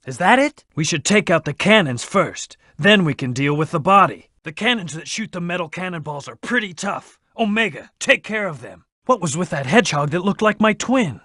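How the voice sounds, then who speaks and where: A man's voice: high-pitched, bright, forceful tone, dry recording, studio quality, exaggerated voice. A man voicing a brooding, arrogant hedgehog antihero in a video game, speaking in a terse, cool, commanding way. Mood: commanding, grim, then tactical, urgent. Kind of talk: scripted video game character lines.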